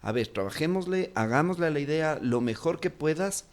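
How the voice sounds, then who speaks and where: This guest, an actor from Quito with the local Ecuadorian Spanish accent, talks rather quickly in a high-ish, expressive voice. The interview is casual, and he rambles along with many fillers and restarts.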